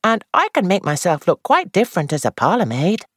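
A woman's voice: fairly low pitch, wildly swooping pitch, a little fast, slightly rough, no echo, studio quality, pitched above the performer's own voice, heavily acted. A woman reading aloud and voicing a young actress who sounds anxious, dramatic and confiding. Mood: scheming.

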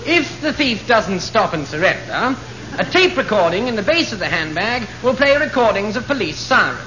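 An actor playing a proud demonstrator of an absurd security gadget, in a deadpan comic style. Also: mid-range voice, moderate pace, close to an everyday voice. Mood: earnest, pleased. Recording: dull, lo-fi, loud noise.

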